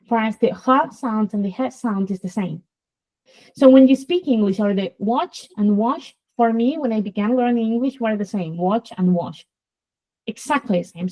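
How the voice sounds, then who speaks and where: A woman's voice: medium pitch, a little mellow, rough recording. A woman with a Spanish accent, a native Spanish speaker hosting an interview, explaining sounds in a lecturing way and demonstrating them aloud. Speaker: host, Spanish teacher.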